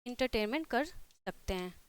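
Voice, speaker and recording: A woman's voice: a little high, expressive, unhurried, smooth, dry recording. A woman with a Hindi accent teaching a class, repeating points and checking in with "theek hai" after nearly every phrase. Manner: repeats herself with constant "ठीक है" checks. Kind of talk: classroom lecture.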